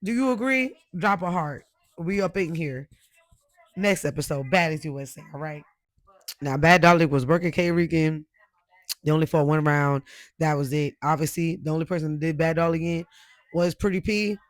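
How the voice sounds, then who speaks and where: Higher-pitched man recapping reality TV. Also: normal speed, no room sound, studio quality. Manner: slangy, asks viewers questions. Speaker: recap host. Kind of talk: casual reality show recap commentary.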